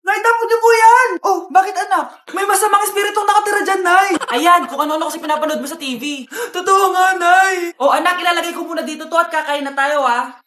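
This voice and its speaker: A woman acting out comedic skits and playing every character herself, often breaking into shouts. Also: very high voice, brisk, roomy sound, a little hiss or hum.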